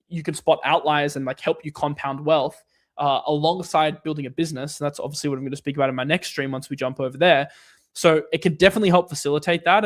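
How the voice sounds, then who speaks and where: Chatty man with a higher voice. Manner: loose, rambling, lots of "like" and restarts. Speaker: livestream host answering viewer questions. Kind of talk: casual livestream Q&A.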